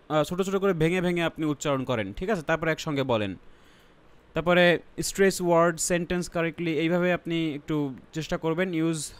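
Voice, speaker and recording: A man with a Bangladeshi accent and a clear, resonant, somewhat high voice teaches an online IELTS exam-prep lesson. He explains things step by step, mixes English terms into his speech, and frequently checks that students are following.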